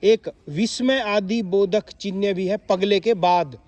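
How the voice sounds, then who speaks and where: A man teaching young pupils in a classroom, asking them questions and slowly reading example sentences aloud. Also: sits high, a little mellow, dull audio. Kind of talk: classroom explanation to children.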